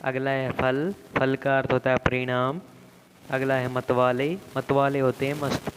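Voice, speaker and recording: A man teaching a class lesson to young children, reading the story aloud slowly and deliberately. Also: mid-range voice, completely flat delivery. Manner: slow, deliberate storybook reading with frequent "theek hai bachchon". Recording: echoey room with faint background noise.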